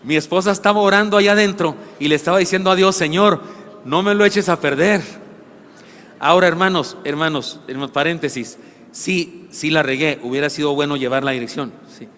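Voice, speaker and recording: A middle-aged Mexican pastor preaching a sermon, telling funny personal stories in an animated way that builds to shouting. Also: male voice, a little high, fast talker, slight background noise. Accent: Mexican Spanish. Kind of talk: sermon with storytelling. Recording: long church hall reverb.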